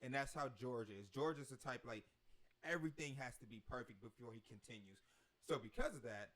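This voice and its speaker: A man of medium pitch hosts a casual podcast chat. He rambles along with lots of restarts and fillers. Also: fairly bright tone. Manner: fast, rambling, many restarts. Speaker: podcast host.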